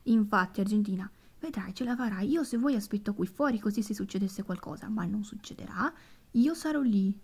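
A woman voicing a calm, supportive young male friend who soothes and encourages. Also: medium pitch, fairly quick, husky, close to an everyday voice. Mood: encouraging.

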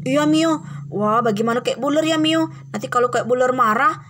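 A woman voicing a fretful older sister in a cartoon game drama, shrill when scared. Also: moderate pace, noisy background, lightly acted.

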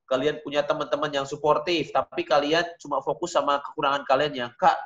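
A man's voice: a little high, fairly even intonation, fairly quick, fairly bright tone. Casual male art teacher, dull audio. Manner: casual, direct, repeats points to students. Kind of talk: online digital painting class.

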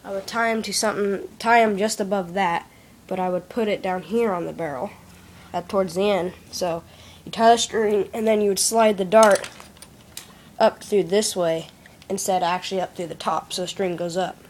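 A woman's voice: mid-range voice, normal speed, a little mellow, a little hiss or hum. A woman giving a casual step-by-step how-to explanation at a desk in a small room, recorded on a handheld phone. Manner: plain, step-by-step instructive talk. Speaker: craft demonstrator.

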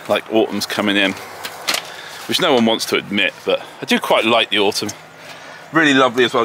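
This English homesteader vlogger strolls outdoors through his garden and orchard, chatting casually and making fun of himself along the way. His medium-pitched voice sounds bright and forceful, with slight background noise and far-off tractors and farm vehicles.

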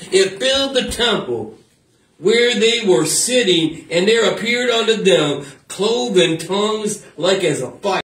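A man's voice: sits high, fairly bright tone, recorded from a distance. A man preaching an informal sermon as pastor, repeating phrases and breaking off into asides. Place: church. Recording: echoey room, mic from afar.

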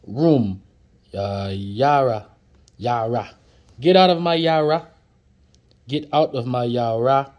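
Seated indoors at a table and out of frame, a man chats his way through a casual flashcard lesson, repeating each word and joking with viewers. His voice is mid-range and a touch mellow.

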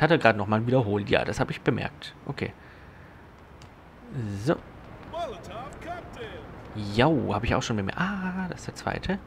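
A man's voice: fairly low pitch, gravelly, a little hiss or hum. Chatty young man narrating his gameplay. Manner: chatty self-talk with sudden loud exclamations. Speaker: let's play host. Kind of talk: casual gameplay commentary.

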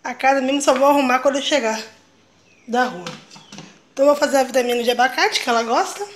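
A young mother who vlogs chats casually with her viewers, narrating her day at home. Her voice is high and quick, with a slight hiss or hum in the audio.

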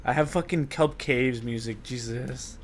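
A man's voice: mid-range voice, unhurried, slight background noise. Profane joking male streamer. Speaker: streamer host. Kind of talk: casual gaming stream chat.

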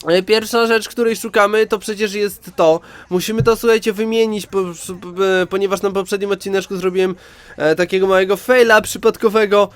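A gaming video host with a head cold talks to viewers in casual let's-play commentary, his voice nasal and stuffed-up. It sits high with a steady tone and a slightly fast pace, recorded clean with no echo and soft music underneath.

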